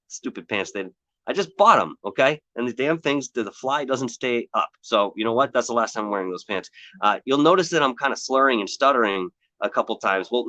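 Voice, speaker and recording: A man's voice: mid-range voice, pushed and bright, dry recording. A tired man hosting a live stream outdoors, chatting casually in a rambling way and greeting viewers by name. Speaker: paranormal show host. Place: outdoors on hills.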